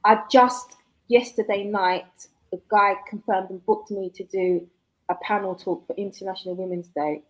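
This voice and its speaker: A woman's voice: mid-range voice, steady tone, moderate pace, low-quality recording. A woman, chatting casually as a guest author, reflective and laughing often. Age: 40s. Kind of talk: casual live chat.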